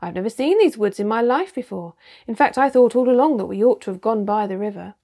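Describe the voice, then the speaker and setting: A sensible, cautious girl, read by a woman telling a storybook, sounding practical and a touch worried. The voice is mellow and warm with some gravel in it. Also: medium pitch, expressive, fast talker. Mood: anxious.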